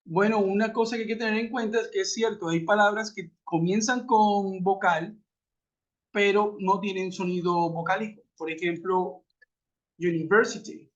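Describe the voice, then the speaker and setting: A man's voice: sits high, steady tone, normal speed. A man teaching an English lesson in an online class, explaining patiently and asking rhetorical questions over a web conference. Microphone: computer mic on a video call. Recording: muffled web conference audio.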